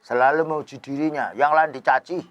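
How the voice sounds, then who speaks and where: A man preaches, moving from loud declarations to near-whispered lines as he acts out the figures in his stories. His voice sits on the higher side for a man. The recording is close and dry, with little room sound. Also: fairly quick, dry recording, dull audio. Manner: animated storytelling, voice swings from loud to hushed, acts out quotes. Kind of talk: sermon.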